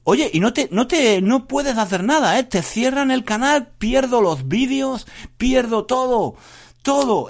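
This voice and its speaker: A man giving a casual Spanish lesson podcast, repeating phrases emphatically and speaking straight to learners. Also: a little high. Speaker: Spanish teacher.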